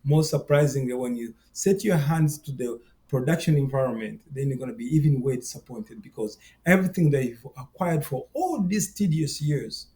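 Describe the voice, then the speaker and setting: Here a mellow, mid-range voice belongs to a middle-aged Ugandan course instructor. He addresses the camera directly and earnestly, with frequent repetition.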